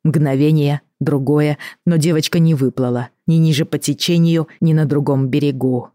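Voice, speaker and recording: A woman narrating an audiobook in a measured, expressive reading. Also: low voice, dry recording, clean studio sound.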